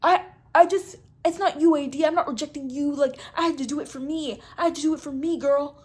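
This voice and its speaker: A woman's voice: high voice, fairly even intonation, brisk, a little mellow, voice pushed up, close to an everyday voice. A woman mimicking a defensive young man who stammers as he justifies turning his partner down.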